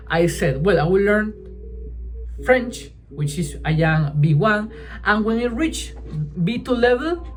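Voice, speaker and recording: A woman whose first language is Spanish talks casually to camera in her language-learning vlog, with a somewhat mellow voice on the low side. She stops and restarts often, tacking "right?" onto her sentences.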